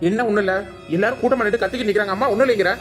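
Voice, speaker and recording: A woman's voice: medium pitch, racing, faint music behind, voice pushed down, lightly acted. A woman doing a stern grown son in a cartoon. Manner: scolding, blunt questions. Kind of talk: cartoon voice acting.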